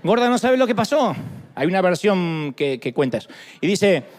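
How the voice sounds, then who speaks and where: A man preaching to his congregation. His voice sits high and swoops up and down all the time. He tells the story with jokes and an animated, playful delivery. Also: moderate pace. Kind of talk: sermon.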